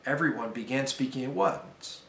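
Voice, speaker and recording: A man, a deacon, reading a fable aloud to students in a careful, measured storytelling manner. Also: medium pitch, creaky, fairly bright tone. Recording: roomy echo.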